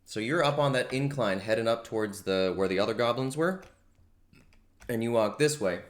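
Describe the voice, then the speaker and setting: A man's voice: medium pitch, expressive, normal speed. A young man narrating as game master, casually explaining rules and laughing easily.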